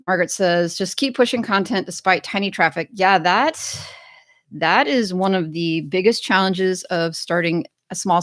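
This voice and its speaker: This is a chatty American woman hosting a casual livestream, her voice sitting on the lower side. She talks in an upbeat, loose way, reading out comments from viewers. The sound is dry and close, with no room around it. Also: no room sound. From United States. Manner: chatty, upbeat, reads chat comments aloud. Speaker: livestream host.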